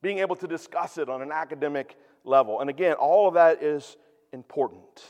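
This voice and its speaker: A male pastor delivers a sermon in a somewhat high voice, teaching earnestly. He drops to near-hushed tones, then rises to emphatic points. His voice rings with a long reverb, as in a large hall. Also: a little fast, dull audio.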